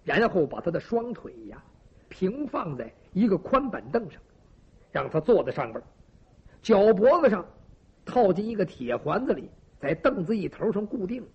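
Man, traditional storyteller, high voice, dramatic, lo-fi recording. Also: very animated, normal speed, slightly rough. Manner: dramatic, vivid with sound effects and asides to listeners. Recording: lo-fi dull recording.

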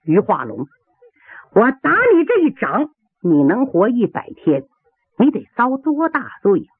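A storyteller acting out a vengeful swordsman bent on avenging his junior brother, crying out with raw passion. The pitch leaps widely and the voice is husky. It sounds tinny, like an old radio line. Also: wildly swooping pitch, measured pace, dry recording, full character voice. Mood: triumphant. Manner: impassioned, lamenting. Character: vengeful wounded martial-arts fighter, adult man. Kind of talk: traditional storytelling character voice. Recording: tinny dry radio broadcast.

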